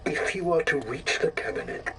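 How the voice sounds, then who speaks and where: A man's voice: on the high side, noisy background. A man voicing a sly, theatrical aristocratic collector whose message plays from an old phonograph cylinder in a video game. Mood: grandiose. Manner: grand, drawn-out theatrical speech. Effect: played back from an old phonograph cylinder. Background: music.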